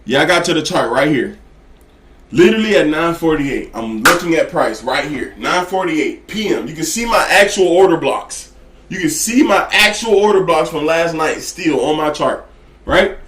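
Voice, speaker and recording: A man's voice: on the high side, expressive, normal speed, a bit bright, roomy sound. A man teaching day trading in casual, profane talk, blunt and slangy, often asking if you get what he's saying. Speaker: trading educator.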